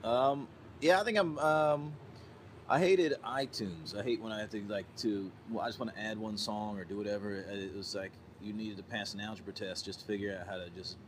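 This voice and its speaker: A man's voice: fairly low pitch, fairly quick, a little hiss or hum. A man who is a guest on a casual podcast, bantering and joking in an easygoing way.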